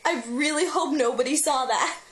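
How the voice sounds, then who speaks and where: Young woman, high voice, chatty and teasing, home camera mic, faint background noise. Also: moderate pace. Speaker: video blogger. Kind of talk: casual late-night home video chat. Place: at home, indoors. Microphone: handheld camera mic.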